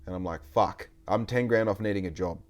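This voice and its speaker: This podcast host is an Australian man in his late twenties whose low voice runs a little fast. He chats casually, rambling through stories and swearing freely.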